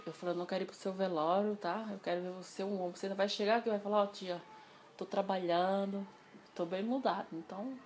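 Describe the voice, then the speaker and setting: A woman telling a personal story in a casual interview, animated and acting out the dialogue she quotes. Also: mid-range voice, fast, a little hiss or hum.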